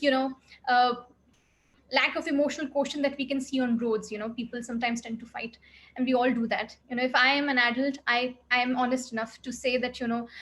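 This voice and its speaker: A woman's voice: high-pitched, a bit bright. A woman, a clinical psychologist giving an earnest, reflective expert talk with frequent "you know" fillers. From India.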